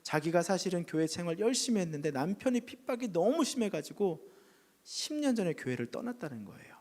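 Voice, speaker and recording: Animated high-voiced male preacher. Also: fairly quick. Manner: animated, acts out voices and drops to a whisper at times. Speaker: pastor. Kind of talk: storytelling sermon. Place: church sanctuary. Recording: long church reverb.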